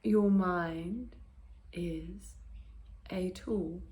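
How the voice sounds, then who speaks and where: Speaking in short phrases separated by pauses, a woman leads a guided meditation, her endings softening into breath. Her fairly low voice stays calm, gentle and soothing throughout.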